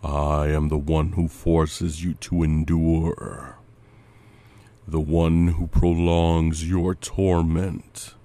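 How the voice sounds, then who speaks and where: A cold, patient demon, as a man puts him on, speaks with menacing courtesy in a very deep, dark, mellow voice. His delivery is slow and unhurried, with hardly any rise or fall. It is a scripted dramatic monologue. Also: level tone, heavily acted. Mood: quietly menacing.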